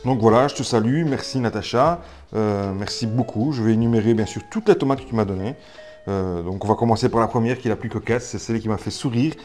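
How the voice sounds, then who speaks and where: A man's voice: fairly low pitch, quick pace, darkish tone, faint music behind. A man from Belgium, chatting casually to camera about his seeds, full of fillers and restarts and self-mocking asides. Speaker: gardening YouTuber. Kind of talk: casual vlog talk to camera.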